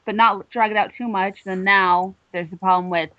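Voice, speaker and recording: A woman co-hosting a casual fan podcast, giving opinionated, animated asides. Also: mid-range voice, moderate pace, dry recording. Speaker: podcast co-host. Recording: dull, dry lo-fi sound.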